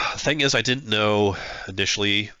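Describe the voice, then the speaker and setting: In casual play-by-play commentary on a tabletop battle he is playing himself, a man congested from a flu thinks aloud with a nasal, stuffed-up voice and lots of hesitant fillers. His voice is on the low side, bright, forceful, clear, and resonant, at a moderate pace. The recording is dry.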